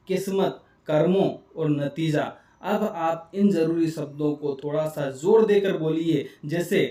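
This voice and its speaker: A man reads a book summary in a slow, unhurried voice with a dark, mellow tone. He sits a little back from the microphone, so the voice carries some room echo. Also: fairly high pitch, distant mic. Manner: calm, explanatory, addresses viewers directly. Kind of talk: scripted narration.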